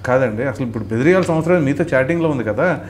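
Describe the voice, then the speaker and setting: A man's voice: mid-range voice, expressive, racing, slight background noise. A man interviewing, mostly murmuring acknowledgments and asking occasional probing questions.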